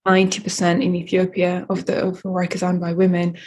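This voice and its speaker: An Eritrean woman who runs her own coffee company responds to interview questions in a measured manner, with many fillers and restarts. Her voice is lowish, monotone, and darkish, with a little hiss or hum.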